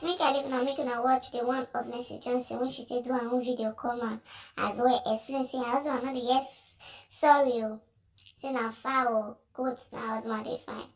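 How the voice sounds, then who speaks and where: Woman, Nigerian accent, high voice, chatty commentary, laughs often. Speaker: social media commentator. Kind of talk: casual commentary in Pidgin.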